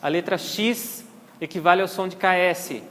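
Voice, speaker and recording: A man's voice: high-pitched, moderate pace, fairly bright tone, big-room sound, a little hiss or hum. A man with a Brazilian Portuguese accent giving a lecture at an orchid society meeting, explaining patiently and checking in with his audience. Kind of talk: lecture on botanical name pronunciation. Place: botanical garden meeting room.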